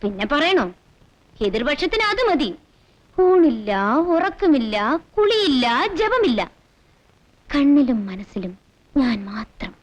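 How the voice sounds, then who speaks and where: A woman's voice: high voice, sing-song, slow, pauses often, heavily acted, poor audio. An actress playing a sassy young woman who mockingly lectures her lovestruck friend in 1980s film dialogue. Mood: teasing. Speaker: teasing female friend.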